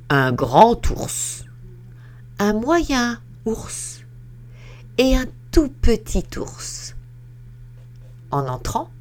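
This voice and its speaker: A woman reading a children's story aloud in a slow, expressive, sing-song way. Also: mid-range voice.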